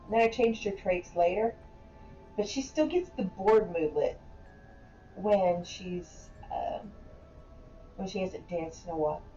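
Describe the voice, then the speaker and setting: A woman's voice: mid-range voice, a little slow, pauses often, dark tone, roomy sound, lo-fi sound, faint music behind. A woman casually commenting on her game play with chatty, wry asides. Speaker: gaming channel host.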